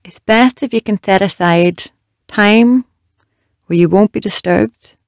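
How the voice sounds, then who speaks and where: In clean, dry studio audio, a medium-pitched meditation guide leads a body scan. The delivery is slow and measured, with gentle instructions and long pauses.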